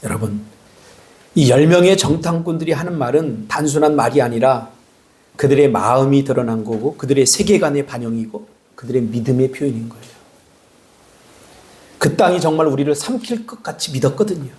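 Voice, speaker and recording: A man, a pastor, giving an animated sermon in a church and teasing members of the congregation by name. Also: medium pitch, fairly quick. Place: church sanctuary.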